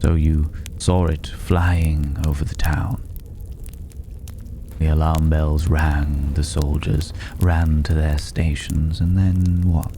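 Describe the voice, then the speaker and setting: A man adopts an exaggerated, extremely deep voice to play a reclusive, cultured, mysterious stranger dwelling amid a dragon's hoard in a fantasy ASMR roleplay. His delivery is flat yet curious, slow and philosophical, broken by deliberate pauses and gentle slides into breathy whispering. Clear background noise can be heard.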